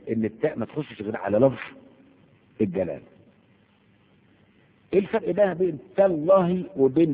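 A man's voice: fairly low pitch, slightly rough. A man with an Egyptian accent teaching a grammar lesson, asking the class questions and answering them himself. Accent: Egyptian Arabic. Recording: echoey hall over a tinny, phone-like line.

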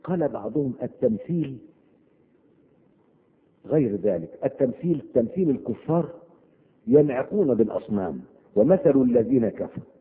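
A man giving a religious lesson, explaining verses word by word and repeating key words with climbing emphasis. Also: medium pitch. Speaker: Islamic teacher explaining scripture. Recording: tinny radio broadcast.

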